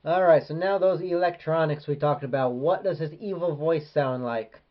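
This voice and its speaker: A man's voice: on the high side, normal speed, lo-fi sound. A man reviewing an action figure in a casual, rambling way with many hesitations. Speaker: toy collector reviewer.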